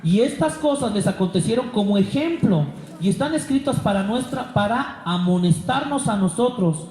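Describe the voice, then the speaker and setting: High-pitched preaching man in an echoey hall. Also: expressive, moderate pace, darkish tone. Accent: Bolivian Spanish. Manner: preaching with acted-out Bible voices, rhetorical questions. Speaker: pastor. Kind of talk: sermon.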